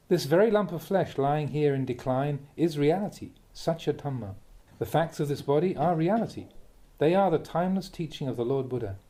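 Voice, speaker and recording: In a dark, mid-range voice, a man delivers a Dhamma talk by reading a Buddhist teaching aloud. His phrases are slow and deliberate, punctuated by emphatic contrasts.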